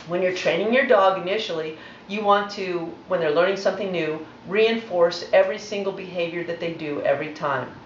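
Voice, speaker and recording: A woman's voice: on the low side, a little hiss or hum. A woman dog trainer giving a patient, methodical demonstration lesson. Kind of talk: instructional demonstration. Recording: roomy, distant, dull recording.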